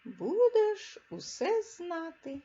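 A woman teacher giving a reading lesson to young children, speaking clearly and with emphasis and stressing each word. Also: extremely high pitch, very animated, takes it slowly, dark tone, muffled recording. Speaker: primary school teacher.

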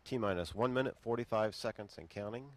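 Low-voiced man, mission control radio countdown. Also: no echo. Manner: measured, formal announcing. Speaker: launch commentator. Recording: loud rumbling background noise.

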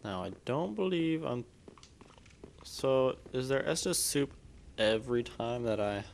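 A man gives slow, gravelly commentary on his gameplay, with clean little exclamations and self-deprecating asides. He hiccups now and then. Steady background noise runs under the recording. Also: mid-range voice. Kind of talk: casual let's-play commentary.

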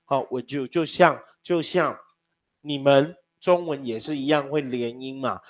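A man's voice: medium pitch, measured pace. A man teaching an English class, teasing his students and spelling words out letter by letter. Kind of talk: classroom lesson. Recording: dull lo-fi classroom recording.

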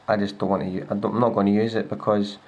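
A man with a Scottish accent gives a casual, hands-on demo of a laptop, talking in a relaxed way with lots of fillers and restarts, recorded on a handheld camera indoors. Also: lowish voice, fast talker. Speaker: tech reviewer. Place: indoors at a wooden table. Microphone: handheld camera filming a laptop screen.

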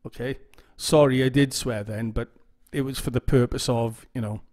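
A man's voice: medium pitch, fairly even intonation, normal speed, darkish tone. A man giving casual instructional talk to camera, often repeating phrases and checking in with "okay?". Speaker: YouTube OCD educator.

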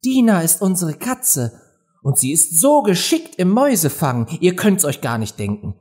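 A man doing a high, eager little girl. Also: wildly swooping pitch, normal speed, darkish tone. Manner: high, eager and wide-eyed. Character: curious polite little girl. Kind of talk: audiobook character voice.

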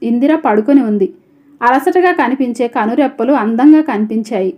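A woman narrating a story in a steady, even reading voice. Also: on the high side, normal speed. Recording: dull lo-fi audio.

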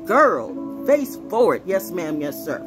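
Middle-aged woman freestyling into her phone, low voice that leaps all over, beat playing under her. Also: sing-song, takes it slowly, music in the background. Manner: swings between half-sung rhymes and blunt, confiding asides. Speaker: vlogger doing spoken freestyle. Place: indoors at home on a couch. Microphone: phone held close at arm's length.

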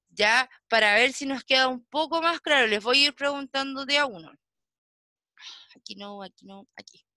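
A woman teaching an English class, explaining slowly and patiently and checking often whether students follow. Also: sits high, sharp tone, dry recording. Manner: slow, patient explaining with frequent checking questions. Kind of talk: online class lesson.

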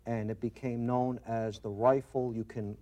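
A man's voice: mid-range voice, little pitch movement, normal speed, dark tone. A middle-aged man with a Brooklyn accent talking conversationally as a company owner in a studio interview. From Brooklyn, New York. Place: TV studio set, indoors. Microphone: lapel mic.

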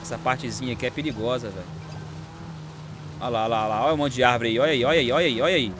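A young Brazilian man with a Brazilian Portuguese accent, chatting excitedly and slangily while playing a racing game. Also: mid-range voice, racing, music in the background. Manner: excitable, chatty, slangy, calls himself to calm down. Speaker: gaming YouTuber. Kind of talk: excited gameplay commentary. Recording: game audio noise behind.

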